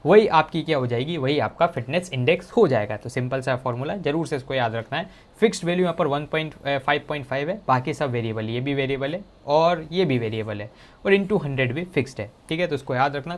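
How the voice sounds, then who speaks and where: This exam-prep lesson features a male teacher with a slightly high voice breaking down exam answers step by step. Talking directly and informally, he often calls his students "bhai sahab" and fills his explanations with English technical vocabulary.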